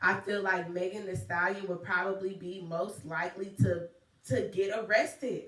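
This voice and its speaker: A woman's voice: medium pitch, fairly even intonation, normal speed, fairly bright tone. A young woman guesting on a casual podcast, loose and blunt, swearing freely. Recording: roomy echo, mic at a distance.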